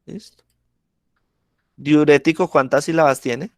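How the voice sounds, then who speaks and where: A man's voice: on the high side, steady tone, unhurried, vocal fry, no room sound. A man teaching a class, explaining step by step with examples and often checking that students follow. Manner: keeps checking in with the class, asking ¿listo? and ¿sí?. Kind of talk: online class lesson.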